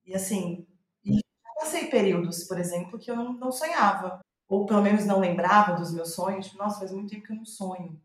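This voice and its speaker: In a roomy, echoing recording, a Brazilian woman being interviewed as a playwright talks quickly in a mid-range voice. She muses in conversation and keeps returning to rephrase ideas while thinking aloud.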